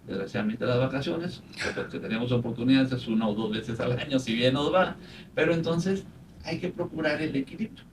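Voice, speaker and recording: A man, a psychologist, calmly explaining anxiety in a podcast conversation. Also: mid-range voice, fairly quick. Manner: calm, explanatory, retells patients' words. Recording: faint noise, distant from mic.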